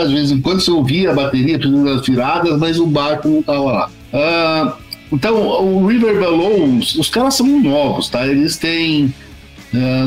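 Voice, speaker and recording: Casting: informal male host, slightly higher voice, reels off stats. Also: poor audio. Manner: informal, reads off facts and numbers. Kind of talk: casual music review chat.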